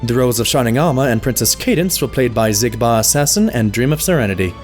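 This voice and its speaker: A man playing a loyal, thoughtful stallion doctor who narrates a cartoon audio drama, earnest and expressive. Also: medium pitch, fast, lightly acted. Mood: announcing. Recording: faint music behind.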